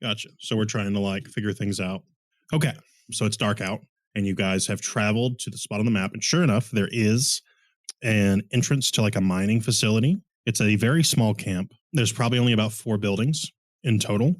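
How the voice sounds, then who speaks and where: A man with a fairly low voice narrates a tabletop session as its game master. He wanders through each description with plenty of "like" and "kind of", and his throat sounds sore, as if he is starting to lose his voice. The sound is dry and close, with no room echo. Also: a little fast. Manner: rambling, filler-heavy scene description.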